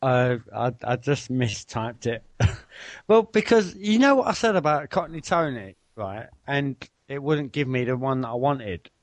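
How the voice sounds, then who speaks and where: A man's voice: medium pitch, animated, measured pace, dry recording. A man hosting a live video chat at his computer, rambling and swearing in casual banter.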